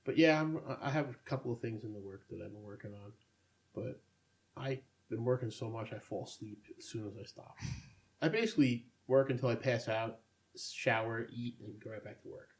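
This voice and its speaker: A man's voice: mid-range voice, fairly quick. A man co-hosting a casual podcast, rambling with sardonic asides. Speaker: podcast co-host. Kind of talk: casual chat.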